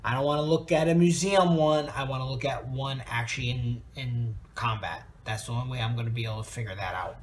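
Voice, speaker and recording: A man's voice: mid-range voice, brisk, few pauses, slight background noise. A tired man giving a rambling, casual review of a plastic model kit, with lots of ums and uhs.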